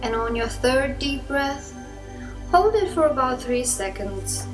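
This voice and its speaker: A woman hypnotist slowly guiding a listener through a relaxation induction in a soft, soothing manner. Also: high voice, lively intonation. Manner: soft, slow, soothing instructions. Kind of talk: slow guided hypnosis induction. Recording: music bed behind the voice. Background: new-age music.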